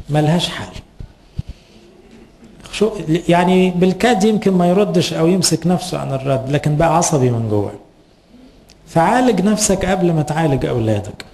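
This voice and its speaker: An Egyptian priest gives a man's earnest, advising sermon to parents and asks rhetorical questions. His voice sits a little high but has a warm, mellow tone. A faint noise hangs behind him. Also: creaky. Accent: Egyptian Arabic.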